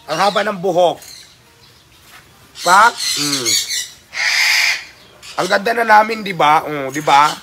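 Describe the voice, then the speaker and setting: A man hosting a casual vlog tour of an outdoor animal park, talking with excitement and cooing baby talk at the animals. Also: high voice, takes it slowly, long pauses. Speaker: vlogger host. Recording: loud outdoor noise with birds.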